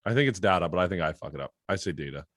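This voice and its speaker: A man's voice: low voice, expressive, very fast, fairly bright tone. A man as a podcast guest in casual chat, laughing often and swearing casually.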